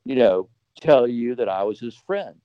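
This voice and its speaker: A man's voice: medium pitch, lively intonation, measured pace, no room sound, dull audio. A man telling a long anecdote as a podcast guest, rambling casually with fillers and restarts. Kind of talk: casual storytelling.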